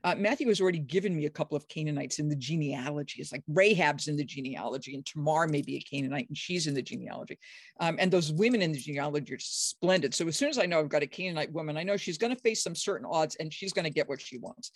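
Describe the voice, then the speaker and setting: A biblical scholar, middle-aged or older, talking with enthusiasm and emphasis and breaking into high, acted quotes. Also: lively intonation, fast talker, husky, dry recording. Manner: acts out quoted speech with sudden high pitch jumps; emphatic, enthusiastic, frequent restarts. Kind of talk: animated explanatory conversation.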